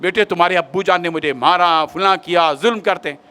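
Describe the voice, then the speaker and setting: A preacher voicing a plaintive village wife. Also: male voice, sits high, a little fast, pushed and bright, clear, resonant tone. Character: clever long-suffering village wife, plaintive.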